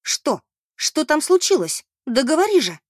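A woman voicing an anxious, easily alarmed woman who talks quickly. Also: on the high side, no room sound, studio quality, lightly acted.

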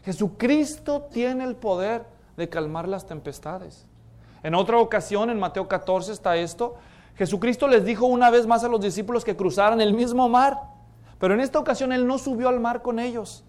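A man preaching a sermon, retelling stories dramatically, acting out voices and dropping to quiet emphasis on his key points. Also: very high-pitched, normal speed.

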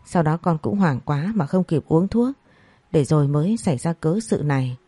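A young daughter begs her mother for forgiveness in a low, mellow voice, as a woman storyteller plays her. The recording is dry and close. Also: expressive, moderate pace, breathy edge, no room sound. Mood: pleading. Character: pleading pregnant young daughter.

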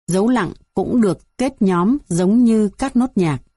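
A woman reading a music theory textbook aloud in an even, measured way, going through numbered items. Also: medium pitch, husky, no echo, studio quality. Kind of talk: scripted textbook narration.

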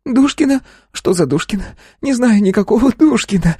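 Scared jittery young woman done by a guy reading an audiobook, way up high, husky, pitch flying all over, dry close sound. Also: expressive, normal speed, dark tone, no echo, heavily acted. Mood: frightened. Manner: pleading, panicky chatter. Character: frightened young woman witness, jittery and defiant. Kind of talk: audiobook character voice.

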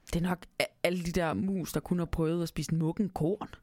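A woman reading a Christmas storybook aloud and talking gently to the listener, then chatting casually. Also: fairly low pitch, fairly even intonation, no echo, clean studio sound. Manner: gentle, speaks to the listener directly. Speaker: storyteller and podcast host.

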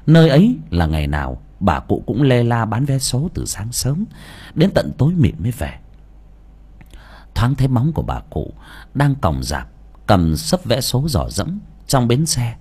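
A man with a husky voice reads an audiobook as a storyteller, a little slowly. He delivers it in an expressive, dramatic way, his pitch swinging widely and with lively energy.

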